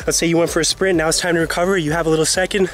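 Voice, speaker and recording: Man, winded soccer coach, breathy sighs, slightly high voice, outdoors. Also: flat delivery, rapid-fire, fairly bright tone, a little hiss or hum. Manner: breathy, sighing between phrases. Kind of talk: instructional vlog.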